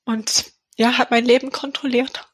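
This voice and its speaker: A woman's voice: on the high side, flat delivery, unhurried, husky, no echo. A woman in her thirties from England with an English accent, speaking German in a hesitant personal testimony, full of fillers and restarts. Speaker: mother of a child with a heart defect.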